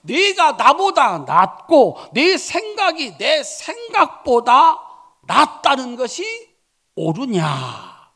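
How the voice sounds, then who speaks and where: A man voicing God patiently reasoning with an angry prophet, asking loud and emphatic rhetorical questions in a sermon. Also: very high-pitched, wildly swooping pitch, slow, voice pushed up, exaggerated voice. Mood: pleading, emphatic.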